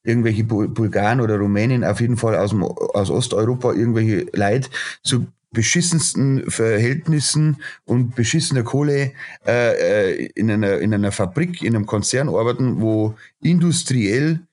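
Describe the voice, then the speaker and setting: A middle-aged chef and restaurateur rants bluntly in a casual podcast interview, his lowish, slightly mellow voice expressive at a normal speed. His talk is full of filler sounds and repeated false starts.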